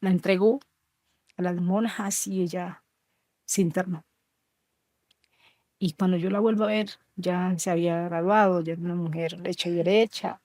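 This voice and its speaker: A woman in her thirties from Colombia, giving emotional personal testimony in an interview, slow and halting with soft trailing lines. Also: fairly low pitch, steady tone, no echo, studio quality. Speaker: interview guest.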